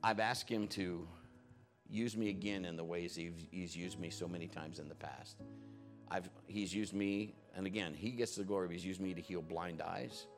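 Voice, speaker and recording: A pastor speaks to his church in a low, gravelly voice. He preaches in an easy, conversational way and tells his stories like he is chatting with friends. Soft music plays faintly behind him. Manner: conversational, animated retelling with acted-out quotes. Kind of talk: sermon storytelling. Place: church service.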